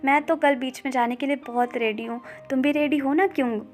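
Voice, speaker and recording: A woman's voice: sits high, steady tone, a little fast, faint music behind, lightly acted. A woman voicing a chatty, eager teenage schoolgirl. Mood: happy.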